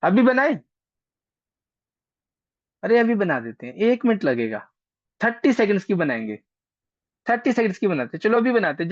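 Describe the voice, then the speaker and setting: A man's voice: high-pitched, no room sound. Chatty male astrologer teaching online. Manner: chatty, teasing, coaxing students along. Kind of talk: casual online class. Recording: dry, dull lo-fi call audio.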